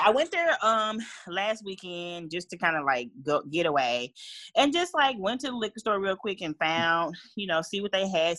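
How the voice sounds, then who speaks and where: A woman's voice: fairly low pitch, fairly bright tone. A woman co-hosting a podcast in casual chat, slangy and laughing often. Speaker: podcast co-host.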